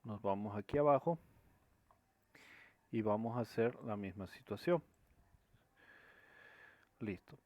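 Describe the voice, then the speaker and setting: A man's voice: lowish voice, slow pace, pauses often, a little mellow, no room sound. A man teaching a screen-recorded programming lesson, explaining each step and often checking that students follow. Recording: dry, dull lo-fi recording.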